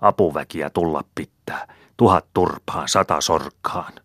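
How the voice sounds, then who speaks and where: A man's voice: very deep voice, a bit bright, slightly rough, dry recording, studio quality, full character voice. A man voicing a bold old folk healer who barks harsh incantations. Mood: incanting.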